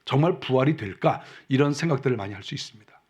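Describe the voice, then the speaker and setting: A male pastor preaching a sermon in a conversational way, full of rhetorical questions, and dropping his voice low and soft when he acts out quoted speech. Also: expressive, quick pace, slightly rough, muffled recording. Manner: acts out quotes softly and lower.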